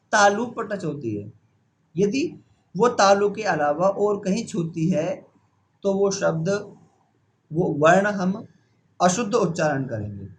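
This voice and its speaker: Male teacher, slow deliberate lesson delivery, quizzes the class and repeats the terms. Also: high voice. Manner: asks questions and answers them himself. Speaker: Sanskrit pronunciation teacher.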